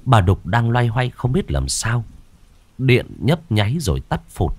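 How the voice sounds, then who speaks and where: A man narrating a ghost story, dramatic and slowing down on the eerie moments. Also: medium pitch, very animated, slightly rough.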